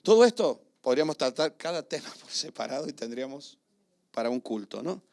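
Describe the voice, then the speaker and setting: A middle-aged male pastor, preaching a sermon and telling personal stories with emotion, swinging between loud and hushed. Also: medium pitch, lively intonation, a little fast, creaky.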